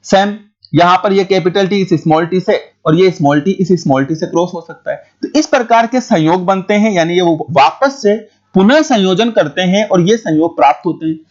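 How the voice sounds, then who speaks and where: A male teacher with a high voice explains a biology lesson at speed. He repeats key points and keeps checking that his students follow. The recording is dull and lo-fi. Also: normal speed, darkish tone. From India.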